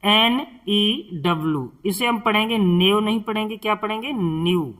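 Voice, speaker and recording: A man's voice: high voice, measured pace, a bit bright. A man teaching beginners, spelling out words letter by letter and patiently asking the listener questions. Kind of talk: spoken English lesson for beginners.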